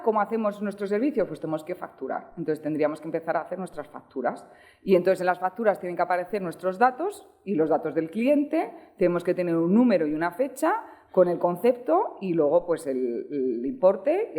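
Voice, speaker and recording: A woman's voice: fairly low pitch, darkish tone. Woman lecturer, easygoing talk style that keeps checking the room. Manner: conversational, frequent checking "¿vale?". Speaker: guest lecturer. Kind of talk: lecture with audience Q&A.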